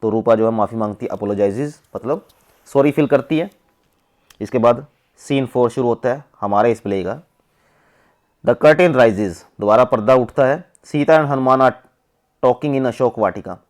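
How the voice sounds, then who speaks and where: Indian guy teaching a school chapter, reads english lines slow then explains in hindi, mid pitched voice. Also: a little mellow.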